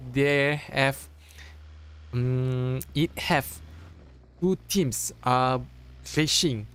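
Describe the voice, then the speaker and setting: A young Malaysian man, a native Malay speaker with a Malaysian accent, casts a live mobile esports match in English. He is chatty and joking, but his phrasing is halting with frequent restarts. His voice is mid-range, and the recording carries a little hiss or hum.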